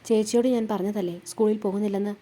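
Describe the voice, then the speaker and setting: Woman doing a tearful schoolgirl, raised and strained, dark mellow tone; storybook role. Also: medium pitch, fairly even intonation, fast, close to an everyday voice. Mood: upset. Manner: tearful, complaining questions. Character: teenage schoolgirl, hurt and upset.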